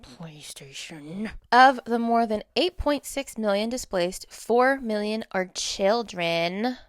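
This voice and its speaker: A woman's voice: on the high side, takes it slowly, clean tone, dry recording. A woman with a standard American accent, reading notes aloud in an informal advocacy vlog with blunt, emphatic delivery and candid asides. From United States. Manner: blunt, emphatic, casually profane. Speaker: social media content creator.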